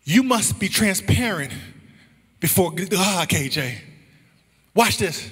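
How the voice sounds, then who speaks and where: A man preaching a sermon as pastor, shifting between slow emphatic lines and rising shouts with sung phrases, recorded in a church sanctuary. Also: high-pitched, lively intonation, breathy edge. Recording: church hall reverb.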